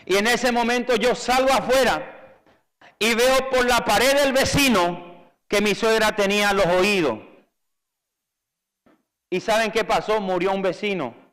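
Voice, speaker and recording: A man preaching a fervent sermon, calling on the congregation to repeat after him and rising to shouts. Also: high voice, measured pace, long pauses, long reverb tail. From Paraguay.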